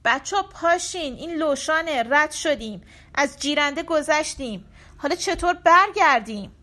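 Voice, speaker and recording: An anxious young man on a night bus, as a woman narrator voices him, calling out in a raised, pleading voice. His voice sits fairly high, with little change from the storyteller's own. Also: expressive, sharp tone. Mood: urgent. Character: young man, the urgent first-person traveler.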